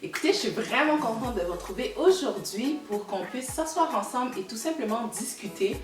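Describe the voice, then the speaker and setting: A woman's voice: fairly high pitch, lively intonation, normal speed, roomy sound, distant mic, soft background music. A woman in her thirties from Canada with a Québécois accent, chatting casually to her viewers and repeating words for emphasis. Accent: Québécois French. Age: 30s. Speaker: vlogger. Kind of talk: casual chat to camera.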